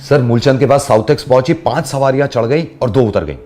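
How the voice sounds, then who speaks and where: A man hosting a radio prank-call show, teasing a caller and telling jokes and riddles in an animated storyteller way. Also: mid-range voice, quick pace, slight background noise. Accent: Hindi. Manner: teasing, animated storyteller who acts out characters.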